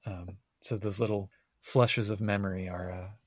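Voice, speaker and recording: Guy with a lowish voice just chatting on a podcast, really dry closet sound. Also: fairly even intonation, normal speed, dry recording. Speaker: podcast co-host. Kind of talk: casual conversational podcast chat. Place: inside a closet at home.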